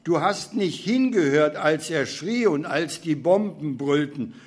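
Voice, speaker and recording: A man's voice: fairly high pitch, expressive, measured pace, a little mellow. A man doing a bitter young war returnee. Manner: accusing, rising to outbursts.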